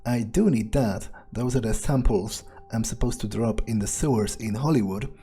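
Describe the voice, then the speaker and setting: Narrating a roleplay game playthrough, a player speaks in character as a scheming, amoral vampire musing on its own plans. The voice is medium-pitched, dark and husky, at normal speed, and the delivery is hesitant and casually profane.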